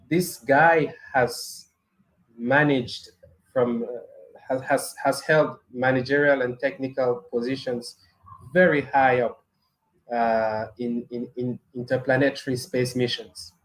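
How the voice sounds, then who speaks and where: On poor audio, a man with a medium pitch and steady tone speaks unhurriedly. He's a middle-aged host from Cameroon running a weekly live space engineering show, chatting casually with viewers while hesitating, restarting, using fillers and chuckling often.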